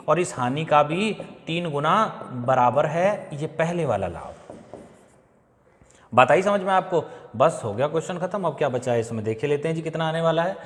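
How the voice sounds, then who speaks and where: A man's voice: on the high side, long reverb tail. A man teaching an exam-prep maths lesson, walking through each step and often checking that students follow. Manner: chatty, repeats steps and checks understanding.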